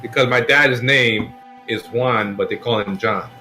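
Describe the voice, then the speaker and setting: A man's voice: mid-range voice, pushed and bright, echoey room, poor audio. A man joking and teasing in casual chat as a guest on a trivia stream. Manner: joking, teasing, quick guesses. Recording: music playing faintly behind.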